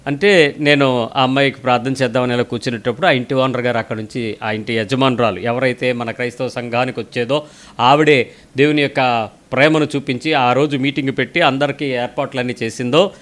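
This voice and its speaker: This preacher has a medium-pitched, steady, somewhat bright voice and speaks a little fast. He tells a story within his sermon, voicing the people in it and firing insistent questions at his listener.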